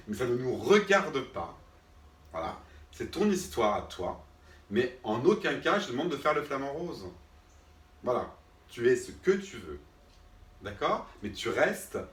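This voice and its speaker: A man's voice: mid-range voice, fairly bright tone. A man playing an exasperated drama teacher. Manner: patient then irritated, keeps checking with "d'accord?". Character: exasperated male drama teacher scolding unseen students. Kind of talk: comic one-man sketch. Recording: roomy sound, mic far off.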